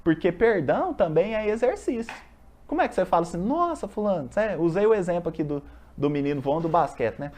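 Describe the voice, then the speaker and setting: A study group leader with a Brazilian accent talks in a husky voice whose pitch swings up and down freely. The talk is casual and explanatory, reading from a text and then unpacking it with homely examples and rhetorical questions. It sounds like a meeting room of a university group. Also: lively intonation, fast talker, darkish tone.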